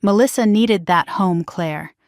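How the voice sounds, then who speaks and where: A woman's voice: medium pitch, measured pace, darkish tone, no echo, natural voice. Woman doing stern defensive dad, curt, bossy, dry close sound. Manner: curt, commanding. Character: defensive middle-aged father, stern.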